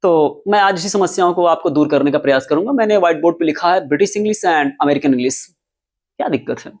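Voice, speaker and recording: A man teaching English at a whiteboard who explains step by step, spells words out letter by letter and repeats them slowly. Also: on the high side, darkish tone. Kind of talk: whiteboard lesson. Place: classroom with whiteboard.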